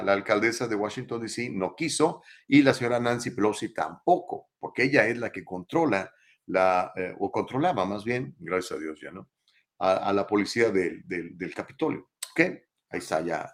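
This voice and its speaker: A man's voice: mid-range voice, fairly bright tone. A man hosting a live show, talking casually and animatedly and calling his viewers brother as he answers their comments.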